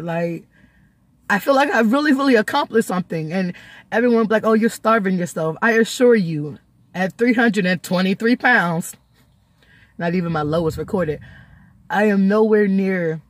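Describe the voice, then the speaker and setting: A woman's voice: medium pitch, no room sound. Tearful chatty woman vlogging. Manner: chatty, laughing often, emotional. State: tearful, close to crying. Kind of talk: casual vlog diary.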